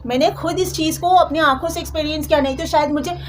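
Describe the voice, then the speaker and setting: A woman's voice: high voice, steady tone, fast, a little hiss or hum. A young woman vlogger telling a personal story with feeling, acting out the quoted lines of her family.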